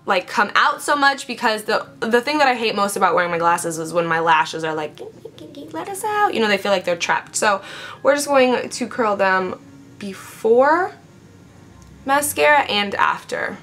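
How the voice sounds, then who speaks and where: This young woman in her twenties runs a relaxed makeup tutorial from her home vanity, joking and chatting as she applies products. Her slightly raspy, mid-range voice is very animated and a bit bright at normal speed, and faint music plays behind her.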